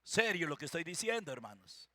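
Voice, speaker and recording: A man's voice: on the high side, sing-song, brisk, bright, forceful tone, dry recording, clean studio sound. A man with a Costa Rican accent preaching a sermon as pastor, fervently calling out to the congregation and firing rhetorical questions at them.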